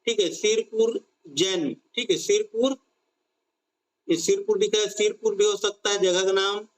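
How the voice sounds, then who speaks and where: A man runs an online coaching class, his voice sitting high and his pace unhurried. He keeps asking questions, answers them himself, and draws out the key phrases so students will remember them. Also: steady tone. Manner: drills students with repeated questions and "theek hai"; slow, stretched key phrases. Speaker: exam-prep teacher. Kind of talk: online current-affairs class.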